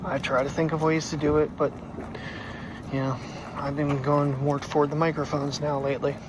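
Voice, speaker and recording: A man's voice: on the high side, flat delivery, normal speed, background noise. A man chatting casually in a daily vlog, rambling and thinking aloud as he talks about gear and the cold weather. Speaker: daily vlogger. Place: outdoors at night, walking a dog. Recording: direct phone mic audio.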